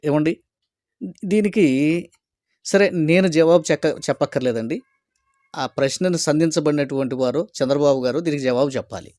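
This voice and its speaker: A man, a pastor delivering an argumentative commentary in quick bursts of rhetorical questions. His voice sits fairly high, and the recording is dry and close with no room sound. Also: darkish tone, no echo. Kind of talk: opinion commentary to camera.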